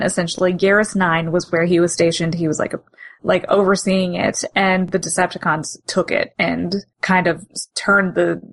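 A woman co-hosting a podcast, chatting casually and with enthusiasm about comics, with lots of fillers. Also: fairly low pitch. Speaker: podcast co-host.

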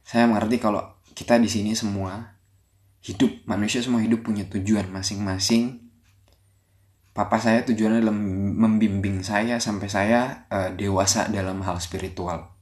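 Soft-spoken young man. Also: on the low side, steady tone, normal speed. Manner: soft-spoken and reflective, with frequent restarts. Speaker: podcast host. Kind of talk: personal storytelling.

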